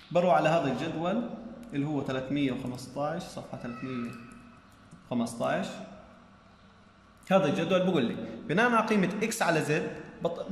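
A man teaches an engineering class. He works through each step and keeps checking that the students follow. His voice sits a little high and carries in a roomy, reverberant hall. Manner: explains step by step, often checks with "تمام؟". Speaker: lecturer. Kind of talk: recorded engineering lecture. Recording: echoey room with long reverb.

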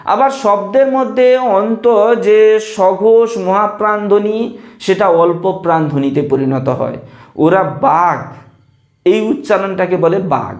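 A male teacher giving a lecture on dialects, repeating example words slowly as he explains them. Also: high-pitched, echoey room.

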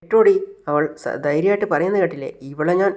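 A man's voice: high-pitched, quick pace, natural voice. Man doing an angry scolding father. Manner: scolding, shouting at his family. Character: angry stern father of a grown daughter.

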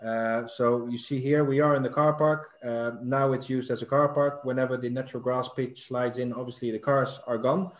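A middle-aged man hosts a live online talk show from a webcam, speaking in a flat, even tone. His voice carries a roomy echo, and he leans on fillers and repeated words as he explains. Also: medium pitch, moderate pace, few pauses. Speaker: host. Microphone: webcam on video call.

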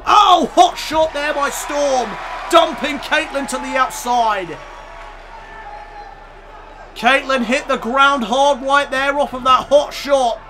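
A man shouting excitable wrestling play-by-play commentary over a video game, straining his voice as he goes. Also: very high voice, slow pace, over music, crowd noise. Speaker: YouTube gaming commentator.

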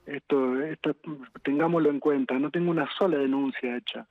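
An Argentine man being interviewed on a news programme, distressed, halting and pleading, repeating himself. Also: a little high, steady tone, no room sound. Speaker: politician interviewed as a guest. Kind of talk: live news phone interview. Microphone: phone call. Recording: tinny phone line.

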